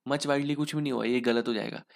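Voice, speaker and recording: Here the Indian-accented young man moves at a brisk clip, his mid-range voice keeping a fairly even intonation. He explains an exam lesson in Hinglish step by step, raising questions and supplying the answers himself.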